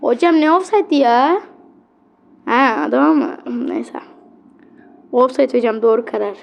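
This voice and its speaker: Excitable high-voiced woman with a gravelly edge. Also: a little slow. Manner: excitable, grumbling at the game, yelling on big plays; apologetic asides to viewers. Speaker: gamer. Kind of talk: gameplay commentary.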